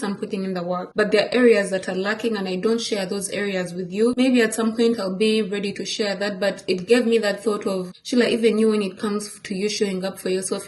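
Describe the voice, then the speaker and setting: A woman's voice: mid-range voice, a little hiss or hum. A young woman content creator talking candidly in a casual vlog, at times reading a heartfelt letter aloud.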